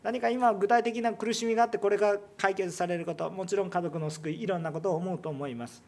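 A male pastor with a Kansai accent preaching a sermon, swinging between loud emphatic lines and hushed ones and putting rhetorical questions to the congregation. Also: high-pitched, fast talker. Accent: Kansai Japanese.

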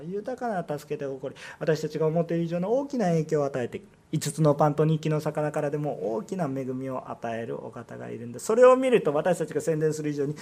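A man's voice: fairly high pitch, vocal fry. A male pastor delivering a sermon, earnest and emphatic, full of rhetorical questions and rising stresses.

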